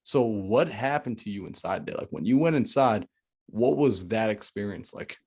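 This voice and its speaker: A man's voice: fairly low pitch, animated, moderate pace, a little mellow, husky. A man hosting an interview as a mindset coach, recapping his guest's story and checking in with "right?". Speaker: podcast host, mindset coach. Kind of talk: interview questions.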